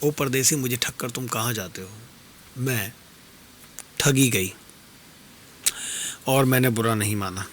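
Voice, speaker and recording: A man's voice: mid-range voice, slow, pauses often, a bit bright, a little hiss or hum. A man performing dastangoi, voicing a grieving young queen who pleads with and laments to her departing lover in formal, literary speech. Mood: pleading. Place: radio studio.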